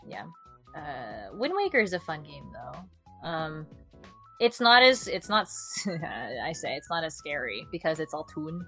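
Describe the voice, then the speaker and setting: A woman streamer talks through a game's story in a loose, animated way, with lots of likes and ums. Her voice is bright. Faint music plays behind her. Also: low voice, unhurried. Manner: animated storytelling with many fillers and laughs. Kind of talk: casual chat.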